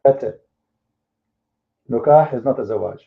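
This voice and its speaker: Heard over phone-quality lo-fi audio, this Arabic-accented man, a native Arabic speaker, has a creaky, medium-pitched voice and a measured pace. He's in the middle of a heated live debate, throwing out sarcastic rhetorical questions.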